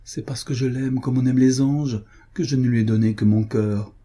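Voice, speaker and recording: A man's voice: mid-range voice, steady tone, moderate pace, dark tone, natural voice. A man reading the part of a devout, tender young duchess, in a plaintive inward monologue from a storybook. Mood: sorrowful.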